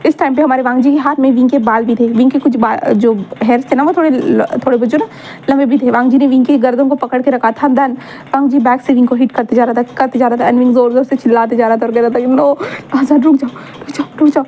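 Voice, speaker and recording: Woman storyteller, chatty, self-correcting narration, brisk and high, faint noise behind. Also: fairly even intonation, dark tone.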